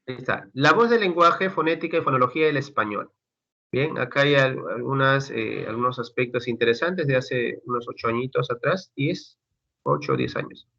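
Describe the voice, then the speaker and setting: A male lecturer teaching a class over a video call, loose and conversational as he talks his students through the readings. His voice is bright and forceful, and the lo-fi call audio sounds dull and muffled. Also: medium pitch, lively intonation, moderate pace. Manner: conversational, addresses students as chicos, many fillers. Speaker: university lecturer. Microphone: computer mic on a video call.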